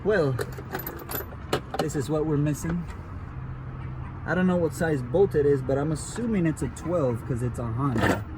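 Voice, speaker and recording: A man's voice: a little high, a little slow, long pauses. A man chatting casually and jokingly in slangy, sweary frat-bro talk while working on a car as an amateur mechanic vlogger. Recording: loud car and tool noise, handheld camera.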